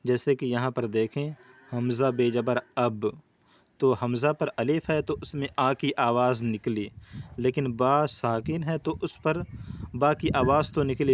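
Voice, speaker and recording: Brief: patient male Quran teacher with an Urdu accent, mid pitch, slow careful letter drills. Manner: patient, explains step by step, drills letter sounds slowly. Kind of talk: beginner reading lesson.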